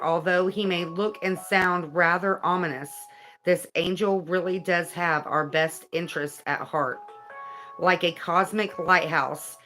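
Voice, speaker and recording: A woman giving a casual spiritual card reading, reading aloud in a slow, thoughtful way and second-guessing herself. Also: on the low side, fairly bright tone.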